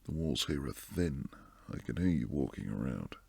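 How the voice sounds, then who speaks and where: With lively intonation and heavy acting, a man takes the role of a protective bodyguard boyfriend in intimate ASMR. The voice is very deep, low, gravelly and breathy, slow and sliding into hushed whispers, stern and weary though tender underneath. He's close-miked, dry, with no echo.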